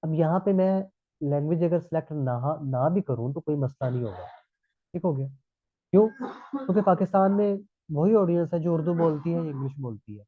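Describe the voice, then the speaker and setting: Hoarse from a sore throat, a man from Pakistan teaches a live online lesson at a moderate pace, going through each point and pausing to ask his students "thik hai." His fairly high, expressive voice reaches us over a tinny, phone-like connection that is dry and close, with no room sound.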